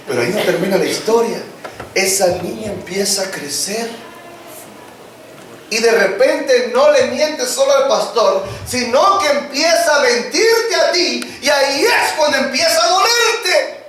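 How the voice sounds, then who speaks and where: A man's voice: very high voice, lively intonation, a little slow, fairly bright tone, slight background noise. A man preaching a sermon, leading call-and-response and acting out family dialogues. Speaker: pastor. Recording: echoey church hall, distant mic, congregation.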